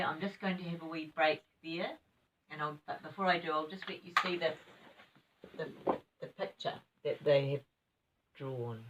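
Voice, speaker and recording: A sweet older woman with a New Zealand accent, reading a children's story in a gentle, expressive grandmotherly way with chatty asides. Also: low voice, recorded from a distance, dull audio, a little hiss or hum.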